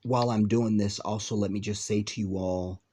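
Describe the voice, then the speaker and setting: A man with a fairly low, steady, mellow voice hosts a reaction vlog, sounding stuffed up from a cold. His casual talk to viewers rambles, peppered with ums, with words drawn out and sentences trailing away.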